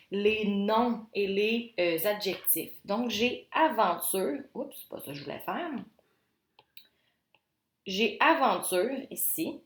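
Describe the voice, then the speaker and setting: A woman's voice: lowish voice, echoey room. A woman teacher, explaining step by step and asking herself questions as she demonstrates a grammar correction.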